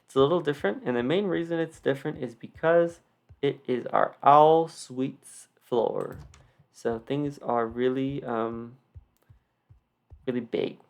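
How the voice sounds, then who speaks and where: Slow, creaky voice with a slight retainer lisp. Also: mid-range voice, a little mellow. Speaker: video creator giving a game build tour. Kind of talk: casual unscripted walkthrough commentary.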